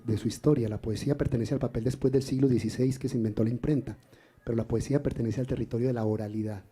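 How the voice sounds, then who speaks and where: A man, a singer and poet explaining rhythm in poetry in a relaxed café talk. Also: medium pitch, husky. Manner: explanatory, chants rhythm syllables. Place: café event in Cali.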